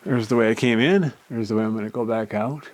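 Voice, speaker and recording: Brisk and darkish in tone, a medium-pitched male voice narrates a casual, rambling cave tour as the man films himself exploring inside. He stays laid-back throughout, and the handheld recording has clear background noise.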